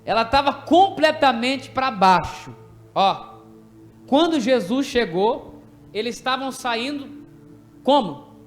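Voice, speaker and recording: A man with a Brazilian Portuguese accent preaching an animated, jokey sermon in a church, directing people from the pulpit to act out a story. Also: very high-pitched, slow, pauses often, soft background music. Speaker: pastor. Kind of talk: lively sermon with congregation re-enactment.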